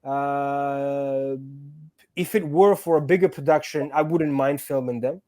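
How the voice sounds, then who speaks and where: A man's voice: medium pitch, a little slow, a little mellow. A man born in Georgia and raised in Greece, a guest actor and stuntman talking casually in an interview, earnest and often repeating words as he finds his phrasing.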